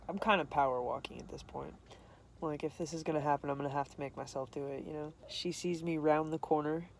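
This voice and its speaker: A woman's voice: deep voice, steady tone, fairly quick, vocal fry, slight background noise. A young woman vlogger telling a candid, self-deprecating story to camera, laughing often.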